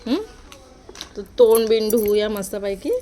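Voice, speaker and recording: A woman's voice: medium pitch, fairly even intonation, moderate pace, warm tone, slight background noise. A young mother chatting casually at home with her little daughter, patient and playful, coaxing her along. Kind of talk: casual home chat with a small child.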